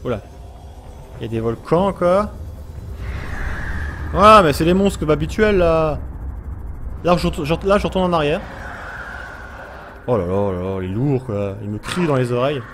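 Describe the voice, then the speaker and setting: A man narrating his own let's play, his fairly high voice swinging up and down in pitch. He is jumpy and easily frightened, yelping at threats and chatting to the creatures. A faint hum sits under the recording. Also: sing-song, moderate pace, long pauses, fairly bright tone. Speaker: gaming YouTuber.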